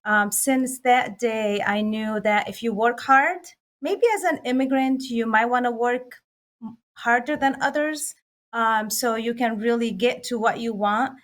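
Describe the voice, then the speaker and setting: A woman in her forties from Lebanon, an Arabic speaker, speaking sincerely and a little haltingly as a nonprofit director at a town hall. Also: a little high, a bit bright. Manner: sincere, hesitant, many fillers. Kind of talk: prepared remarks on a telephone town hall.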